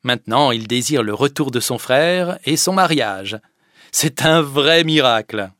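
A man's voice: mid-range voice, animated, unhurried, a bit bright, no room sound, clean studio sound, voice pushed up. A man reading an audiobook, voicing a relieved peasant mother telling her husband good news. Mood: amazed.

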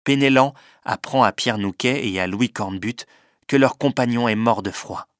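Male storybook narrator, measured and clear, dry booth sound. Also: mid-range voice, no echo. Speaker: audiobook narrator.

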